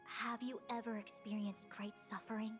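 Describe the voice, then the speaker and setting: A woman voicing a composed, formal, analytical young companion in a video game, speaking in measured, articulate phrases. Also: on the high side, little pitch movement, natural voice. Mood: grave, measured. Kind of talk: English video game voice acting. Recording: music behind the voice.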